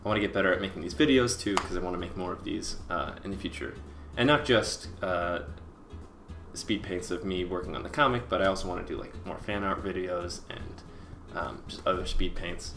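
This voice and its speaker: A man giving a casual, rambling voice-over in a hesitant, self-deprecating way, with vocal fry at the ends of his phrases. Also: sits low, fairly quick, fairly bright tone, soft background music. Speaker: webcomic artist and video creator.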